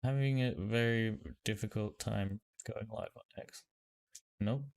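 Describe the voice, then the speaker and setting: A man hosting a livestream over a headset mic, chatting casually and loosely with lots of fillers as he greets viewers and tests software. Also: fairly low pitch, measured pace, gravelly. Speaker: livestream host. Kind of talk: casual livestream chat while testing software.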